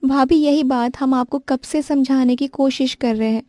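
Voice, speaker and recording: A woman's voice: high-pitched, fairly even intonation, normal speed, warm tone, dry recording, lightly acted. A woman voicing a complaining young sister-in-law who nags and pleads with her mother and brother's wife.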